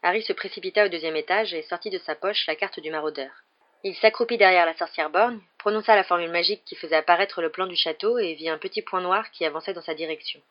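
An audiobook narrator reading a story in a steady, measured way. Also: medium pitch, muffled recording.

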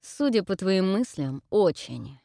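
A woman's voice: fairly low pitch, lively intonation, moderate pace, a little mellow, no room sound, clean studio sound, close to an everyday voice. A woman voicing a rude, brutish male king who growls threats and scorn, in an audiobook reading. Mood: growling.

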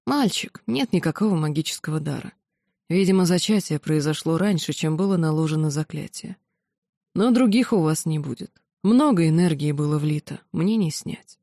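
A woman voicing a sick male mage who speaks hoarsely, weak and strained. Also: deep voice, animated, moderate pace, warm tone, no room sound, clean studio sound. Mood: weary.

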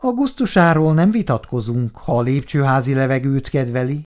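A man voicing a calm, firm older housing committee official who speaks with steady authority, in an audiobook reading. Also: on the high side, pitched above the performer's own voice.

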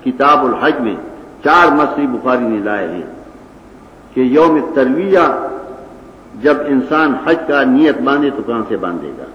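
A man's voice: medium pitch, expressive, slight background noise. An older man with a Pashtun-accented Urdu, teaching scripture in a didactic, argumentative lecture and reciting Arabic passages. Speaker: Quran and hadith teacher. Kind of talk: religious lecture. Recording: echoey hall, dull lo-fi old recording.

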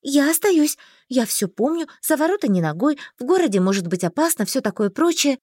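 A woman doing a young heroine in an audiobook, high-pitched and swinging up and down with emotion. She pleads and exclaims a lot. The recording is dry and close. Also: very animated, a little fast, darkish tone, no room sound. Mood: excited. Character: timid, excitable young heroine. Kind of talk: audiobook character voice.

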